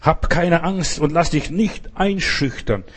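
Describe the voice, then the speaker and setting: A man's voice: on the high side, expressive, slow pace, slightly rough. A man preaching a sermon, earnest and repetitive, speaking straight to his listeners and often asking if they understand.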